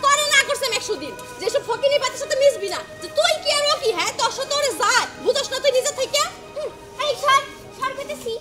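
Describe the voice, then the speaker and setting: A woman's voice: very high-pitched, fairly even intonation, a little slow. Scornful scolding village mother, acted by a woman. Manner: scolding, contemptuous. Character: snobbish village mother scolding her daughter. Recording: loud music playing under the voice.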